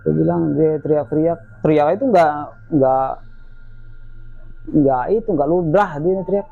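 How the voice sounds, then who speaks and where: With soft background music and no room sound, a man with a gravelly, higher-pitched voice tells an unhurried, lively ghost story from his own life as a guest. He acts out the quoted voices in casual chat, and the lo-fi recording sounds dull with faint noise.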